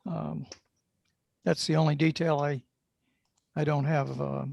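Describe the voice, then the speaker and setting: A man speaking as a board member at a formal meeting, halting and often clearing his throat as he explains. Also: on the high side, level tone, darkish tone, dry recording, dull audio.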